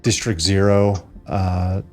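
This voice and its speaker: A man narrating a tabletop role-playing game as game master, improvising exposition in a halting way. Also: deep voice, little pitch movement, darkish tone. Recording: background music under the voice.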